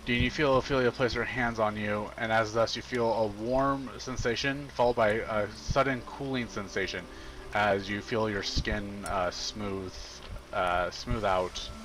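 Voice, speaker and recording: A man with a fairly low voice narrates as game master. He describes scenes loosely with many fillers. Light music runs underneath. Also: flat delivery, unhurried, low-quality recording.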